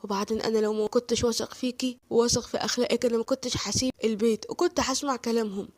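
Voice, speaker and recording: A woman's voice: a little high, steady tone, rapid-fire, no room sound, close to an everyday voice. A woman voicing a loyal, tired young Egyptian husband who firmly defends his wife. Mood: protective. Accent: Egyptian Arabic.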